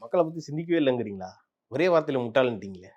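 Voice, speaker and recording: A male interviewer who puts the other side's claims to his guest briskly. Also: mid-range voice, lively intonation, a little mellow, muffled recording. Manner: brisk, relays opposing claims. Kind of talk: political interview questioning.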